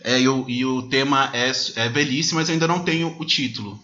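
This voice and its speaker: A man in his thirties from Brazil, a podcast host chatting casually in a relaxed way and laughing often. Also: mid-range voice, brisk. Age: 30s. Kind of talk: casual chat. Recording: roomy, dull lo-fi sound.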